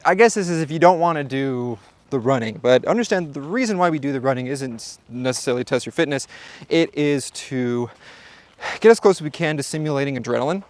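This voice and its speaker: A man's voice: medium pitch, animated, fairly quick. A man hosting a shooting-range video, talking to the viewer in a playful, joking way. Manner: playful, jokey, talks to the viewer. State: out of breath at times. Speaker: shooting channel host. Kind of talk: casual vlog narration at the range.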